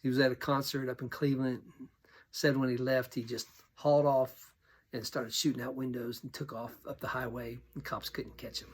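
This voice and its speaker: Man telling animated pastor stories. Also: mid-range voice, normal speed, slightly rough. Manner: animated, acts out quoted voices, drops to a near whisper at tense moments. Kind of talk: storytelling monologue.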